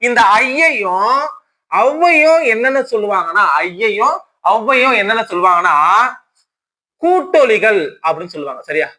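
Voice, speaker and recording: A man's voice: high-pitched, sing-song, sharp tone. A man teaching an exam-prep grammar lesson who says each key term twice and keeps asking if the class follows. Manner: repeats key terms, keeps checking with "okay?"; slow, dictation-like repetition of terms.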